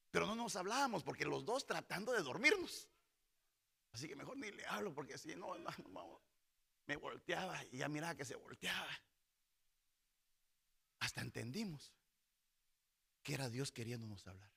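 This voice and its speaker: Man, pastor, sermon, sharp ringing tone, acts out story voices. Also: fairly high pitch, gravelly, husky. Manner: preaching with call-and-response to the congregation; acts out voices in Bible stories. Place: church hall.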